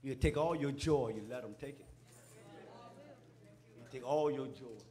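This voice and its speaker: A man's voice: medium pitch, unhurried. Man exhorting a church congregation. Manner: call-and-response, folksy, rising to a shout. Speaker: preacher. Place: church sanctuary.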